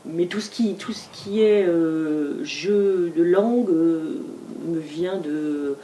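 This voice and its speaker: Woman speaking haltingly, warm voice. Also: lowish voice. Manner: hesitant, frequent fillers and repetitions. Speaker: novelist guest at a bookshop talk. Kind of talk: public author talk. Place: bookshop event. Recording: distant mic, faint room noise.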